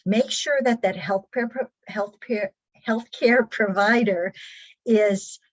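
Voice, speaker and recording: A woman's voice: medium pitch, slow, lo-fi sound. A woman presenting a caregiver training workshop, talking patiently and earnestly with frequent ums and restarts.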